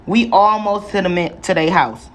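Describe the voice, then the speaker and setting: A woman's voice: lowish voice, normal speed, slight background noise. A young adult woman vlogging a casual, profane storytime, chatty and full of slang. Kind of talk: casual storytime while doing hair.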